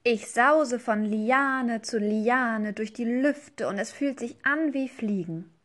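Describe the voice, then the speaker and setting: Slow storytelling woman. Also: on the high side, a bit bright. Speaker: teacher reading a story aloud. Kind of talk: children's storybook reading.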